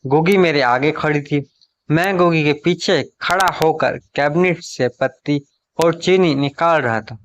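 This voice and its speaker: Male first-person story narrator, unhurried and measured, slightly high voice. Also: a bit bright, dull audio.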